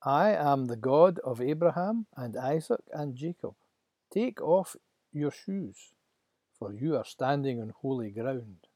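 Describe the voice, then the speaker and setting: Solemn, commanding God, dark and husky, a male narrator reading him. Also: medium pitch, expressive, slow, no echo.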